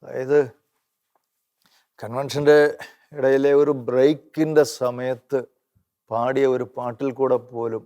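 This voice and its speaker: A man's voice: medium pitch, level tone, slow, long pauses, mellow. A man hosting an interview, giving short prompts and summing up the guest's points. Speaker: interviewer host.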